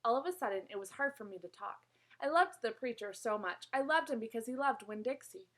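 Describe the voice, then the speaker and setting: Animated woman reading a children's book. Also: a little high, fairly quick, rough recording. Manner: expressive, animated storytelling with small slips. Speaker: reader. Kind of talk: reading a children's novel aloud.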